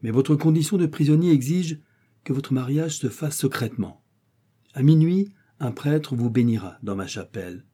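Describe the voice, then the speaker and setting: A man's voice: medium pitch, normal speed, warm tone, breathy edge, pitched above the performer's own voice, natural voice. Man reading a fatherly old governor. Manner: grave, paternal.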